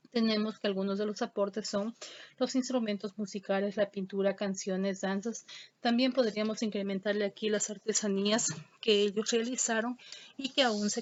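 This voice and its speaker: A woman's voice: mid-range voice, darkish tone. A woman teacher, explaining an online lesson step by step and reading out questions and answers. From Ecuador. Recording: dull lo-fi dry audio.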